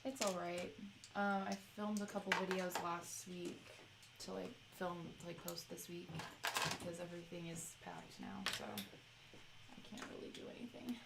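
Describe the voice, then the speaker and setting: A friendly woman with a lowish, gravelly voice reads viewer comments and chats casually on a live stream. Loud noise sits underneath her voice. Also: level tone, normal speed. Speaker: co-host reading chat.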